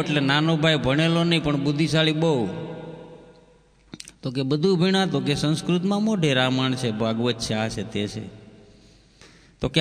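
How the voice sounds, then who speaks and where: A man's voice: on the high side, fairly bright tone, a little hiss or hum. A man, a comedian telling folksy comic stories in a chatty way with bits of sung chanting. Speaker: stand-up comedian. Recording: long hall reverb, faint ambience.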